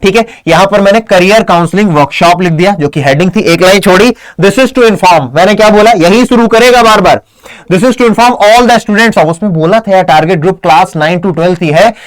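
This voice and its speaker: A male teacher gives a fast exam-prep lesson. He keeps checking with his students and slows down to dictate sample lines. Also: high voice, rough recording. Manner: rapid, repeats "ठीक है ना?" to check understanding.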